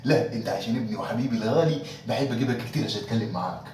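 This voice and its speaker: A man with an Egyptian Arabic accent plays an office manager in a comic sketch, speaking in a racing, medium-pitched, darkish voice full of sugary, mock-affectionate sarcasm. The recording is echoey and distant-miked with faint noise.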